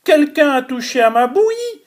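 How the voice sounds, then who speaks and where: A man voicing the middle-sized bear in a storybook reading, with a raised, quick voice. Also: extremely high pitch, very animated, pitched above the performer's own voice. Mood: indignant.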